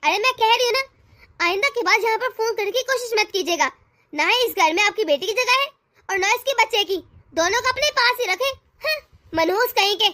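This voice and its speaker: A woman's voice: very high voice, lively intonation, a little fast, heavily acted. A woman voicing a harsh, scolding middle-aged mother-in-law in a cartoon. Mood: scornful. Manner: sharp, contemptuous. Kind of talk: cartoon voice acting.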